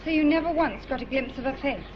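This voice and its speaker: Actress as a worried young heroine, bright-pitched and urgent, 1960s film sound. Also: female voice, fast, dull audio, background noise, lightly acted. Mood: earnest. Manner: urgent, pleading questions. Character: anxious young woman hunting for her missing friend.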